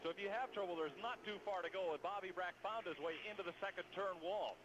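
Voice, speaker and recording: High-voiced American man, motorsport commentator. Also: quick pace. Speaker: motorsport commentator, turn reporter. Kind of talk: live radio race commentary. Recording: dull, noisy radio feed.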